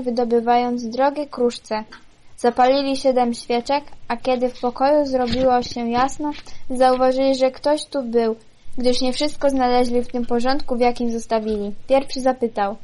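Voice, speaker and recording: Woman, fairly high voice, reading a children's fairy tale, unhurried, small stumbles and self-corrections. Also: a little mellow. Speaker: storyteller.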